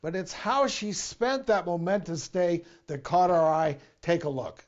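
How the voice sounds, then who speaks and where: A man's voice: high voice, measured pace. A man presenting and interviewing as host of a TV talk show, in slightly dull sound.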